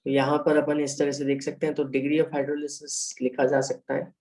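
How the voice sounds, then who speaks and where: Mellow-voiced man teaching chemistry. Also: on the high side, completely flat delivery, moderate pace, poor audio. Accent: Indian. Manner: explains step by step, checking in with students often; mixes English phrases into Hindi. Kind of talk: online lecture explaining equations.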